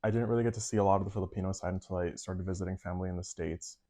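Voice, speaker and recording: A man's voice: deep voice, steady tone, very fast. A young man in his twenties who grew up in Panama, a fashion designer answering interview questions in a casual way with plenty of filler words. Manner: casual, fillers like 'like', soft-spoken.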